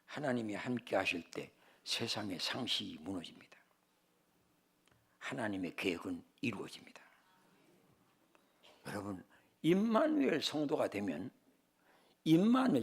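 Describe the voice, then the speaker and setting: An older man from the Chungcheong region, a senior pastor, preaching a sermon in an animated way and telling humorous personal stories. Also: fairly high pitch, gravelly, husky. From Chungcheong, South Korea.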